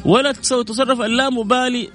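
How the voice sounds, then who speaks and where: Fast-talking radio host. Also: male voice, very high-pitched, fairly even intonation, a bit bright, faint music behind. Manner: earnest, preachy, reading out listener messages. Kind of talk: radio call-in advice talk.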